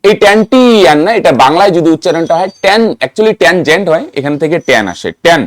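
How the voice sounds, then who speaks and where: A man's voice: fairly high pitch, lively intonation, fast talker, no room sound. A man teaching a math lesson, often asking students questions and chanting rhyming memory aids. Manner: rhythmic mnemonic chanting, asks students questions. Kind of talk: classroom lesson.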